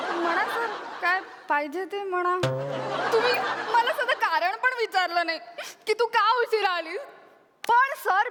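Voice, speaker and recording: A woman acting out a scatterbrained young secretary with a very high voice, rambling and pleading through giggly excuses. The sound carries a long hall echo and clear background noise. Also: sharp tone, full character voice. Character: chatty young female secretary, always late, scatterbrained. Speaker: talent show contestant. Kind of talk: stage comedy monologue. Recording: echoey hall with audible noise.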